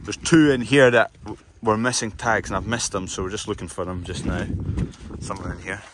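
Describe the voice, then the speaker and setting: A man's voice: lowish voice, fairly even intonation, a little fast. A young man, a farmer chatting casually to a body-worn camera while he works cattle in an outdoor yard. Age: young adult. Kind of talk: casual farm vlog narration. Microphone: body-worn action camera. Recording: loud outdoor noise, clanking gates.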